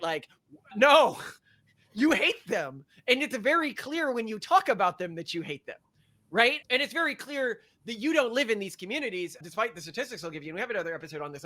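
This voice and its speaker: The podcast co-host has a high-pitched, bright voice with a forceful tone. He rambles in a sarcastic way, reading facts off a list during casual, opinionated chat.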